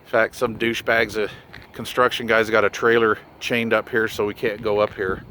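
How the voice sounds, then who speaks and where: Standing by his vehicle on a hillside road, a middle-aged man records a casual vlog and radio chat as a hobbyist. He speaks at a normal speed in a lowish, sharp-toned voice with little pitch movement, keeping it folksy, slangy, and relaxed. Windy outdoor noise and vehicle sounds come through.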